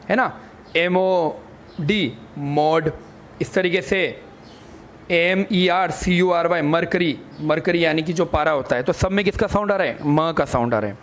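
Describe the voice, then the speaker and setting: A man's voice: high-pitched, fairly bright tone, a little hiss or hum. A man teaching English letter sounds, spelling words out letter by letter and answering his own questions like a patient teacher. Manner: addresses listeners as children. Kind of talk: classroom phonics lesson.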